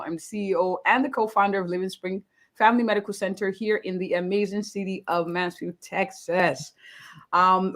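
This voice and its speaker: A woman physician hosting a live-streamed interview, upbeat and effusive, often repeating words of praise. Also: fairly low pitch. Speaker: host, family physician.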